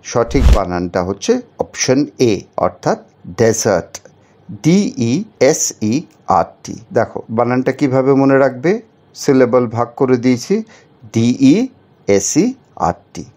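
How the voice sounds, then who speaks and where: A man's voice: medium pitch, normal speed, a little mellow. A man teaching a children's spelling lesson, patiently spelling words out letter by letter and asking the viewers questions.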